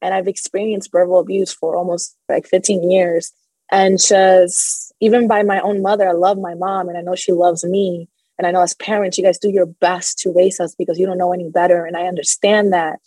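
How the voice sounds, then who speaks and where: A woman's voice: fairly low pitch, little pitch movement, a little fast, dark tone, slightly rough, no echo, low-quality recording. A young adult woman telling her personal story as an interview guest, open and emotional, with a nervous laugh now and then.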